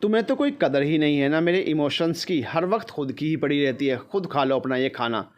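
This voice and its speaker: A man voicing a quick-tempered young husband who coaxes his wife. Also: medium pitch, expressive, natural voice. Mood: coaxing. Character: young husband, hot-tempered then apologetic.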